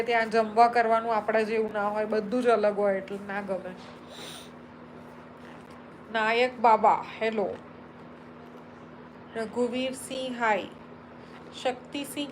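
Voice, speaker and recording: A woman's voice: a little high, steady tone, measured pace, pauses often, a little hiss or hum, rough recording. A Gujarati woman hosting a live stream, chatting casually as she reads viewer comments aloud and answers them one by one. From Gujarat, India.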